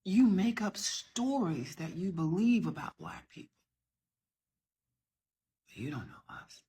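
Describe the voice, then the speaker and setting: A woman's voice: lowish voice, big pitch swings, slow, mellow, husky. A middle-aged woman from the southern United States, talking to camera in an impassioned, emphatic rebuttal to another video. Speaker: social media creator.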